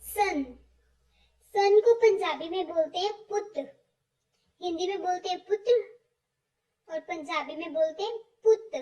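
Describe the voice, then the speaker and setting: A woman teaching word lists, slowly repeating each word with stress. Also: extremely high pitch, darkish tone. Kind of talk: explaining vocabulary, slow and repetitive. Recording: voice from far off the mic.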